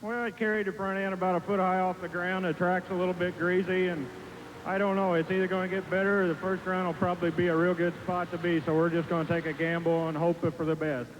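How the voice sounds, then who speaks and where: A man's voice: high voice, level tone, fast. A man giving matter-of-fact, folksy interview answers as a competitor. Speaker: tractor puller being interviewed. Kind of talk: plain off-the-cuff interview answers. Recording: hall reverb, faint vehicle noise.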